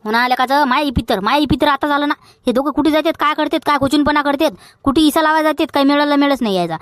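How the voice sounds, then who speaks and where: A chatty, teasing village neighbour , played by a man in a Vidarbha comedy sketch. He speaks quickly in a Vidarbha Marathi accent, his voice pitched high. The recording is dry and close. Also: fairly bright tone, no echo. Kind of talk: comedy skit.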